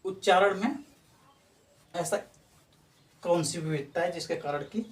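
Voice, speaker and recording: A man's voice: high-pitched, a little slow. Guy teaching an exam prep class, says every example over and over, echoey room, sounds far from the mic, bit of hiss. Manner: explanatory, repeats examples and asks "ठीक है".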